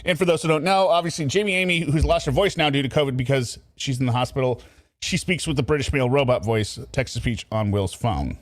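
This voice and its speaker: A man's voice: mid-range voice, quick pace, no echo. Sarcastic man hosting a commentary. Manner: sarcastic, scornful asides. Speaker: commentary channel host. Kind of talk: casual mocking commentary.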